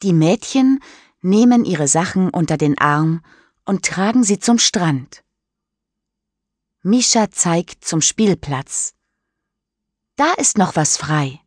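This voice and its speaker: Slow, careful woman storybook reader. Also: on the low side, lively intonation, a little mellow, dry recording, studio quality. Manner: clear, careful reading with lifted voices for the characters' lines. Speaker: audiobook reader. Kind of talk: scripted storybook narration.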